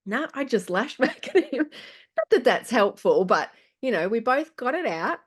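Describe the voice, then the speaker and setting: A middle-aged woman speaking as a podcast guest, telling her story in a casual, animated way and laughing often. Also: fairly high pitch, moderate pace, husky.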